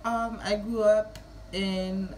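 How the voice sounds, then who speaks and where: A woman's voice: mid-range voice, little pitch movement, slow, darkish tone, a little hiss or hum. A woman in her early twenties with a Kittitian-Nevisian Caribbean accent, chatting casually and playfully to camera. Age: early 20s. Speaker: vlogger. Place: small room at home.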